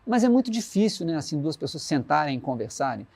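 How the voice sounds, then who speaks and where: A Brazilian man, a musician reflecting in an interview and slowly reciting lyrics as he tells stories. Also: on the high side, very animated, creaky. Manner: warm storytelling, recites his lyrics slowly. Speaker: musician guest.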